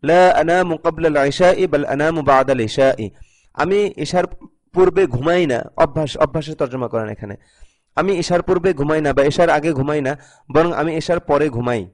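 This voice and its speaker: Male Arabic teacher with a slightly high voice, reads sentences and then explains them patiently. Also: moderate pace. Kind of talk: recorded grammar lesson.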